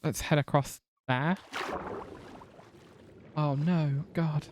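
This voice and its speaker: Over a noisy background, a woman speaks very slowly in a low voice with fairly even intonation. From England, with an accent blending southern and northern English, she streams a game chattily, swears casually and reads chat aloud.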